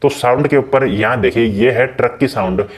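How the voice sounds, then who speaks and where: A man's voice: medium pitch, moderate pace, noisy background. A man hosting a gaming channel, casually walking viewers through a game's settings in a chatty way and often calling them brother. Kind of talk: casual game settings walkthrough.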